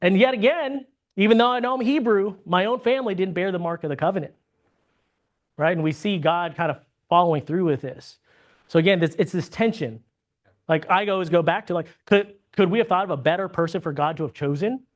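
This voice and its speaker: In a conversational Bible lesson, a teacher from the States talks a little fast with a medium-pitched voice. Tag questions check in with the class often, and sentences get restarted, with words repeated partway through.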